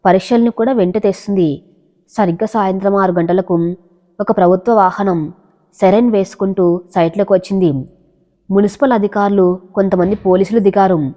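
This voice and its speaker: A woman narrating a dramatic story in a steady storytelling manner, with long echoey reverb. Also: mid-range voice.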